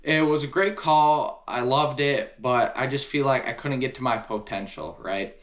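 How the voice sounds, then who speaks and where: Casting: man, mid-pitched voice, casual hunting gear reviewer, enthusiastic, leans on repeated words for emphasis. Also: moderate pace, a bit bright. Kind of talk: casual product review to camera.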